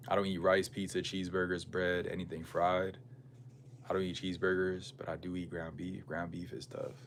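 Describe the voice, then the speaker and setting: An American man chats casually on a livestream, thinking out loud in slangy, conversational language while responding to viewers. His voice sits low with a flat delivery at a normal speed. The recording clearly picks up background noise and ambience.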